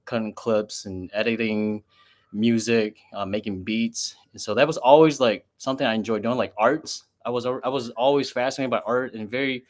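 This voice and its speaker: A man from Wisconsin talks in an easygoing, casual way as a guest on a livestream. He is a husband and father. His voice sits at an ordinary pitch. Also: steady tone, moderate pace. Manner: easygoing, laughs often, says dude. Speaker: guest content creator.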